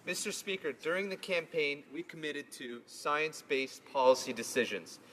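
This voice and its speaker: Fairly high-voiced man, echoing hall. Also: expressive, moderate pace, pushed and bright. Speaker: government backbencher asking a question. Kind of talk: prepared parliamentary question. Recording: reverberant chamber with faint noise.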